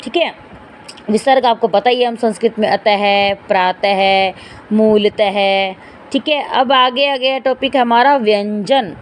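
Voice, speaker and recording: A woman's voice: medium pitch, takes it slowly, slight background noise. A woman teaching a grammar lesson to students, spelling out sounds one at a time and often checking in with them. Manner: often checks in with "theek hai" and "dekhiye". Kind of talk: online Hindi grammar lesson.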